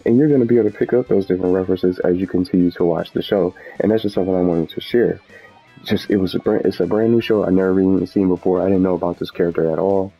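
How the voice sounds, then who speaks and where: In muffled audio over background music, a man talks fast through his gaming video. His low, mellow voice has a breathy edge and fairly even intonation. The commentary is casual and unscripted, rambling with frequent repetition and self-correction.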